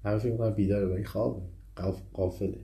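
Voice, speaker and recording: Male poetry teacher, low mellow voice, slow chanted verses, quick casual explanations. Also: steady tone, vocal fry. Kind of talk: lecture with verse recitation.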